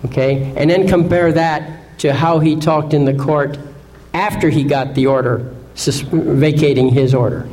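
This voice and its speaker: A man's voice: a little high, fairly even intonation, measured pace, a little mellow, poor audio. A man lecturing an audience in an assertive way, often asking rhetorical questions and checking in with "Okay?". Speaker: seminar speaker.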